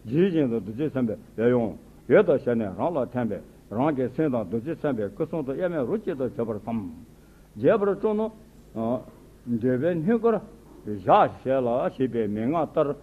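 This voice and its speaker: A man's voice: mid-range voice, breathy edge. A man, a Buddhist teacher, giving an informal spoken commentary on a religious text in short, conversational phrases. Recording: tinny phone-like sound with faint noise.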